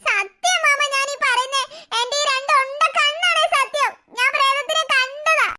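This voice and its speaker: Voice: extremely high pitch, steady tone, a little slow, sharp tone, full character voice. A voice actor playing a mischievous, whiny little girl who scares easily. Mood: pleading. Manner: whiny, then shrieking in panic. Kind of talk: cartoon voice acting.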